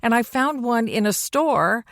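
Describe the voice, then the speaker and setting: An older woman chatting casually as a co-host in a measured, matter-of-fact way. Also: fairly high pitch, lively intonation, a bit bright, dry recording, studio quality. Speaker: podcast co-host. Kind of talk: casual chat.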